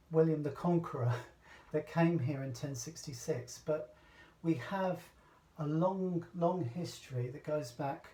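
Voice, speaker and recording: A man from Britain talks in a loose, halting way, with plenty of fillers and restarts. His voice is mellow and dark, and it is picked up from a distance in an echoey room. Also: fairly high pitch. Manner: hesitant, rambling, many fillers and restarts. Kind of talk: casual talk.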